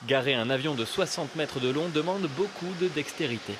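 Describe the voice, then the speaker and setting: Higher-pitched man narrating a news magazine report. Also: lively intonation, fairly quick, background noise. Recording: voice-over with music and outdoor sounds. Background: music, airport ambience, vehicles.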